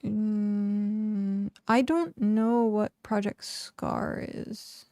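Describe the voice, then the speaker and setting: A woman's voice: mid-range voice, steady tone, drawn-out words, mellow, smooth, no echo. A young woman game streamer chatting casually and rambling, with lots of "like", while she plays. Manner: rambling, chatty, heavy use of "like". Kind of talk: casual live-stream chat while gaming.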